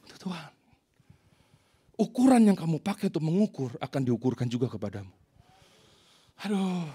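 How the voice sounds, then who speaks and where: A man preaching a sermon to his church congregation, telling stories in a lively, animated way. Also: fairly high pitch. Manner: animated storytelling, addressing the congregation. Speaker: pastor.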